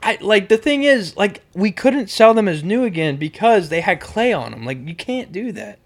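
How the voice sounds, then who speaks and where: Young male podcast host, animated and profane, fairly high voice with a lot of swing. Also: moderate pace. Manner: animated, swears a lot, says bro and like. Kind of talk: casual podcast storytelling.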